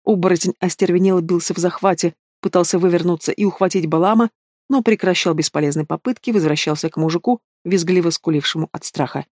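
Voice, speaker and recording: An audiobook reader narrating a dark urban fantasy in a steady, measured way. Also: mid-range voice, dry recording, studio quality.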